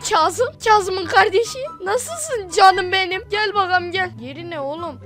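High, bright excitable gaming woman. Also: a little slow, soft background music. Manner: excitable, slangy, chatty running commentary. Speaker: gaming video host. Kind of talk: excited Roblox gameplay commentary.

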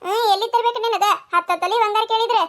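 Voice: very high-pitched, steady tone, fast talker, a bit bright. A performer voicing a scolding older village mother-in-law in a cartoon, with a North Karnataka Kannada accent. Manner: nagging, scolding. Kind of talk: cartoon comedy voice acting.

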